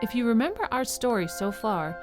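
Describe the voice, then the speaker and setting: With a slightly high voice, big swings in pitch and a brisk pace, a woman narrates a scripted radio serial as if reading a storybook. She recaps for the listeners and addresses them directly while music with jingling bells plays.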